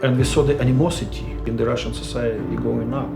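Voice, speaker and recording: A man, a missionary telling his story in an interview in a measured, reflective way. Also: mid-range voice, flat delivery, gravelly. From Ukraine. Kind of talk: personal testimony interview. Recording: roomy echo with music underneath.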